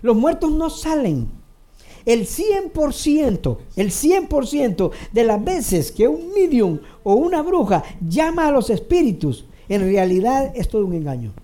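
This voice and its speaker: In a sing-song, slightly slow delivery with few pauses, a preacher gives a sermon directly to his congregation. Phrases are repeated for emphasis, and his voice moves between raised, forceful lines and low, quiet asides.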